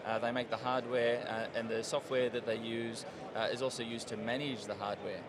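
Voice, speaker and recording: A man's voice: mid-range voice, flat delivery, moderate pace. Middle-aged man explaining products over background noise. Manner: hesitant, conversational, thinking aloud. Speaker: company product expert being interviewed. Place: busy trade show stand. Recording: noisy trade show floor. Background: event hall noise.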